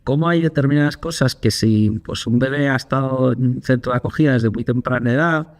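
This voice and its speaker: A podcast co-host with a mid-range voice speaks briskly, telling casual anecdotes. He's an animated storyteller who acts out quotes with plenty of energy.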